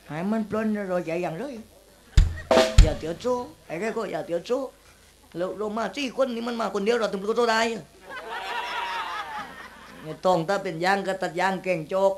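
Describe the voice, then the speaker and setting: A man voicing a cowardly comic village man who grumbles in low mutters, in a shadow-puppet play. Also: moderate pace, pauses often. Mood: grumbling. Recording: loud puppet-theatre band music behind.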